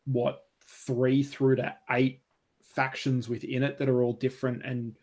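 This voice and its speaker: A man's voice: medium pitch, flat delivery, unhurried, darkish tone. A man co-hosting a podcast in casual chat, rambling with lots of fillers and casual swearing. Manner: rambling, full of "like" and "you know", swears freely. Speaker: podcast co-host.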